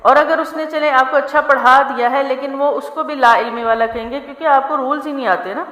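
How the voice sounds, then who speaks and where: A woman teaching tajweed rules, spelling out letters and vowel marks and drawing out the recited words slowly, often asking if her listeners follow. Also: high voice, a bit bright. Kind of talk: tajweed lesson. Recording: echoey room with long reverb.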